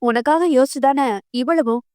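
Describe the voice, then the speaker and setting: A reproachful elder sister chiding her younger sibling in a storybook scene, voiced by a woman narrator. Her voice sits high and comes across close and dry. She moves between scolding and coaxing. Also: moderate pace, a little mellow, dry recording, close to an everyday voice.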